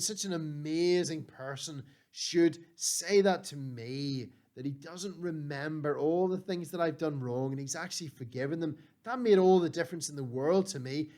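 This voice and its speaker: A man teaching through a Bible passage in a relaxed, conversational way, reading verses and explaining them with frequent fillers. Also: fairly high pitch. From Wales. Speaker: preacher.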